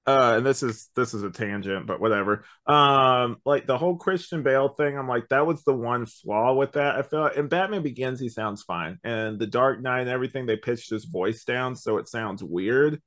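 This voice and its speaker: A podcast host talks through a review in a loose, rambling, conversational way, recorded over an online video call. His voice is mid-range and fairly bright, moving at a normal speed with hardly any pauses.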